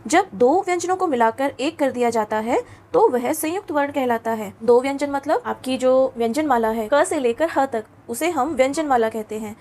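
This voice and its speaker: A woman with a high, light voice teaches schoolchildren in a patient, coaxing way. She keeps checking in with questions, mixes English words into her speech and slows down to pronounce each letter clearly. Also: darkish tone. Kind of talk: classroom lesson for children.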